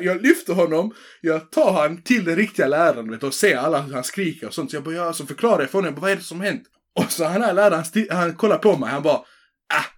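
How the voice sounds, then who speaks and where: Animated Swedish man telling a story. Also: high-pitched. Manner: animated, acts out quoted voices, mixes in English swearing. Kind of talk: casual storytelling chat.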